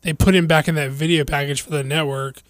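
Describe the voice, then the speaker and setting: Higher-pitched man, blunt, in a dry recording. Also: steady tone, fast, no echo. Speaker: podcast co-host. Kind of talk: casual opinionated chat.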